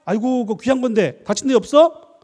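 A man's voice: very high-pitched, fairly quick, pitched above the performer's own voice. Sarcastic scolding mother, as a man puts her on. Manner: sharp and sarcastic. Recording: echoey hall with long reverb.

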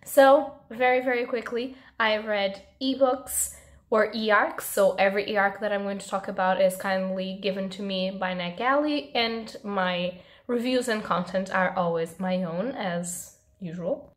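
Hoarse young woman chatting about books. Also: medium pitch, a little slow. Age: young adult. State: hoarse, losing her voice. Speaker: book reviewer and channel host. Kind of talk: casual chat to camera, book review. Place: small home room with bookshelves, indoors.

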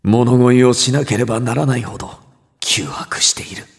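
Actor as a creaky, tormented, proud Beethoven. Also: male voice, medium pitch, fairly even intonation, normal speed, close to an everyday voice. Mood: anguished, weary. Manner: theatrical, declamatory. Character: suffering, defiant male composer Beethoven, poor and proud. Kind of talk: radio drama acting. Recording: long reverb, music behind.

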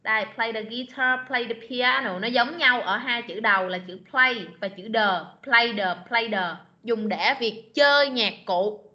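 A woman teaching an online class, patiently repeating words slowly to model pronunciation. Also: fairly high pitch. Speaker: English teacher. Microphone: video call. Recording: lo-fi video meeting recording.

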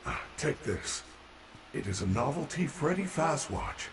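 An actor playing a gentle, caring robot mascot bear in a video game, speaking in calm, formal, kindly robotic phrases. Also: male voice, fairly high pitch, unhurried, background noise. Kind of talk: video game character dialogue.

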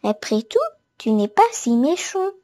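Earnest little woodland creatures speak up in a picture book read to a toddler, all voiced by a woman. The voice is expressive, high and mellow. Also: unhurried. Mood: reassuring. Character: group of earnest, well-meaning small woodland animals.

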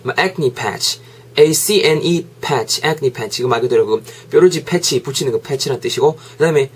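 Husky-voiced man with a Gyeongsang accent. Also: mid-range voice, measured pace. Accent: Gyeongsang Korean. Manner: jokey, chatty, drills pronunciation by repeating words. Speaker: English teacher. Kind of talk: casual lecture. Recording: podcast lecture audio.

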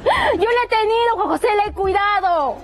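A woman's voice: very high-pitched, animated, moderate pace, faint music behind. A woman, a mother pleading and crying on a city street for her baby to be returned. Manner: pleading, crying, repeating herself.

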